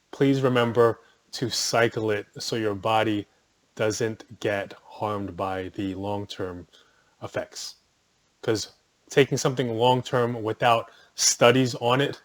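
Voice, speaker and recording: A man's voice: mid-range voice, no echo. A man giving a casual, conversational talk about a supplement. He corrects himself mid-sentence and adds offhand asides. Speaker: wellness vlogger. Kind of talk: casual product talk to camera.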